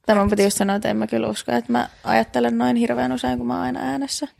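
A woman's voice: a little high, flat delivery, gravelly, a little mellow. A young woman co-hosting a casual podcast chat, talkative, laughing often and hedging her answers. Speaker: podcast co-host.

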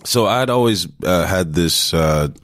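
A man from Texas in his thirties, an actor guest telling his story in a relaxed interview, often pausing and restarting his sentences. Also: sits low, no echo, clean studio sound. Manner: hesitant, many restarts and fillers. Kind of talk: casual interview talk.

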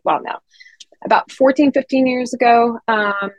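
A woman in her thirties, originally from Bulgaria, appears as a guest on a conversational podcast interview, talking freely about her career as head of people experience, with many fillers and restarts. Her voice is fairly high with a steady tone and moderate pace, in a dry, dull-sounding recording.

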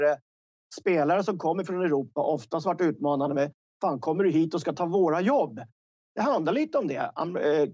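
Guy chatting hockey as a pundit, husky n mellow, rambly with little tag questions, dry lo-fi recording. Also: a little high, no echo. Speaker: studio commentator. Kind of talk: unscripted hockey discussion.

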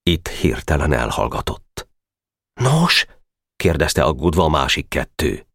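A man's voice: a bass voice, fairly bright tone, no echo, studio quality. A man reading a classic novel aloud as an audiobook narrator, voicing the boys' lines himself in the tense scenes. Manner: reads all the boys' parts himself, whispering and calling out in the tense night scenes.

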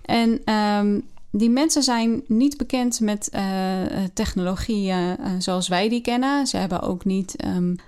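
A woman walks through a research study in relaxed conversation. She talks it out as she goes, pausing on fillers and rephrasing mid-sentence. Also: medium pitch, clear, resonant tone. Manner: hesitant, many fillers and restarts. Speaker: co-host discussing a research article. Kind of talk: casual explanatory conversation.

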